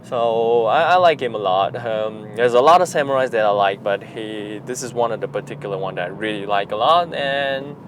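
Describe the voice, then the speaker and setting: A man's voice: fairly low pitch, normal speed, hardly any pauses, slight background noise. Rambling man vlogging while driving. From Singapore. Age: 30s. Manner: rambling, relaxed, many fillers and restarts. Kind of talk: unscripted driving vlog. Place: inside a moving car. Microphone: action camera mounted in car.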